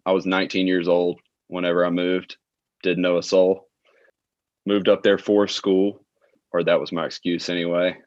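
Low-voiced Southern man telling stories. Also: moderate pace, long pauses, no echo, highs cut off. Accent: Southern US, Alabama. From South Alabama. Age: late 20s. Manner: relaxed storytelling with filler words and laughs. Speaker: guest, tour manager. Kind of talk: casual interview chat.

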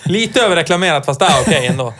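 A man's voice: on the high side, lively intonation, a bit bright, faint music behind. A man co-hosting a podcast, making dry, sarcastic remarks in a casual chat. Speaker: podcast co-host.

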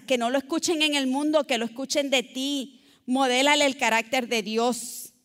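High-voiced woman preaching a sermon. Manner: exhorting, with sudden loud and soft turns.

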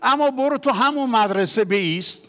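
A man preaching a sermon as pastor, moving between quiet confiding passages and loud, fervent exhortation. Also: very high-pitched, animated.

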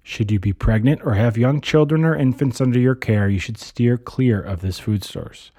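Male narrator, nature-documentary style explainer. Dark, relaxed tone, dry close sound, conversational with wry asides. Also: medium pitch, moderate pace, no echo. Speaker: host, narrator.

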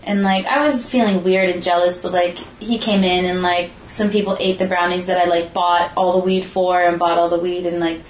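A woman's voice: on the low side, little pitch movement, moderate pace, few pauses. Young woman, casual storyteller, rambling and profane, recorded in a roomy space. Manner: rambling, swears freely, lots of "like". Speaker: friend in conversation. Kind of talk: casual chat. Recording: roomy with faint background noise.

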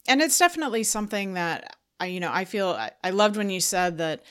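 A woman's voice: medium pitch, expressive, a little fast, a bit bright, clean tone. A woman co-hosting a podcast, asking earnest, winding questions. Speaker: podcast co-host. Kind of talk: podcast interview conversation.

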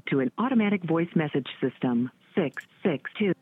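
A man's voice: on the high side, expressive, moderate pace, over music. A man's recorded voice giving an automated answering machine message over a phone call, read in set prompts and often cut off mid-sentence.

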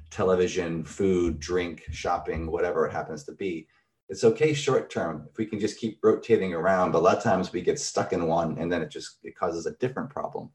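A middle-aged male therapist with a low, slightly mellow voice explains concepts thoughtfully and conversationally, using everyday examples.

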